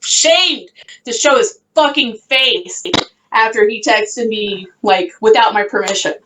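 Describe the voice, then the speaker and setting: A woman's voice: on the high side, a little slow, fairly bright tone, distant mic, a little hiss or hum, low-quality recording. A woman telling a story in casual chat, swearing constantly and mimicking the people she talks about. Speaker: podcast co-host telling a story.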